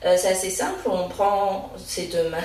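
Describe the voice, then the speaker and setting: A woman's voice: mid-range voice, expressive, normal speed, darkish tone. A woman leading a laughter yoga session, guiding a group through vocal sounds and counting with encouragement. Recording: very echoey room, voice from a distance.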